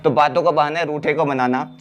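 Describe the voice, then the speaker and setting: A man's voice: fairly high pitch, steady tone, dull audio. Male teacher giving a patient spoken English lesson, repeating each example and asking rhetorical questions. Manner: explains slowly, repeats phrases, asks himself rhetorical questions. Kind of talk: classroom-style spoken lesson.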